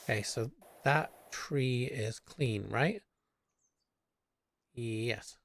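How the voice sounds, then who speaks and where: A man's voice: mid-range voice, very slow, vocal fry, a little hiss or hum. A young British man streaming a game, chatting casually and rambling, humming nonsense to himself. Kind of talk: casual chat while gaming.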